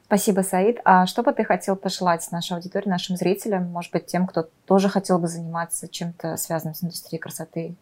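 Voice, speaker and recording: A woman's voice: on the low side, flat delivery, fast, hardly any pauses, a little mellow. A woman hosting a podcast in a conversational interviewing style. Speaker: podcast host.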